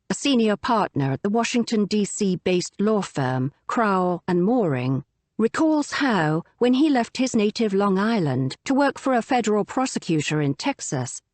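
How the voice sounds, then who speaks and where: Woman narrating with a lively, varied pitch. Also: no echo. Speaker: audiobook narrator. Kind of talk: scripted nonfiction narration.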